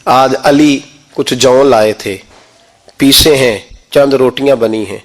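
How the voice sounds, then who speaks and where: A man voicing a humble devoted young daughter who speaks quietly and respectfully. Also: medium pitch, voice pushed down, close to an everyday voice.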